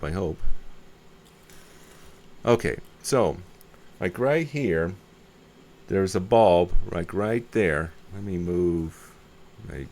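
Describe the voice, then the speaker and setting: A hobbyist presents a radio repair video in a low-pitched, somewhat dark male voice. He gives a casual, unscripted hands-on show-and-tell, muttering and thinking aloud as he works. The camera microphone picks him up clearly, along with background noise and ambience.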